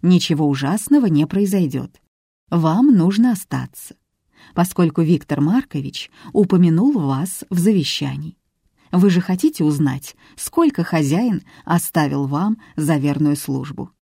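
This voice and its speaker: A woman's voice: low voice, lively intonation, measured pace, gravelly, mellow, husky, dry recording, clean studio sound, heavily acted. A woman voicing a formal, stiff older male lawyer in an audiobook reading.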